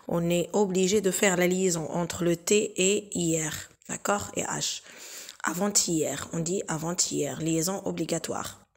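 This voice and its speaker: A woman teacher explaining exam exercises in a recorded lesson, hesitant and full of filler pauses, repeating each example slowly and patiently. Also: lowish voice.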